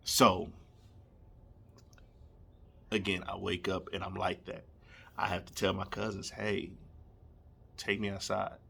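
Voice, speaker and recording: A man's voice: low voice, creaky, bright, forceful tone, slight background noise. A young man, telling a comedic story casually and animatedly, laughing and acting out scenes. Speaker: storyteller vlogger.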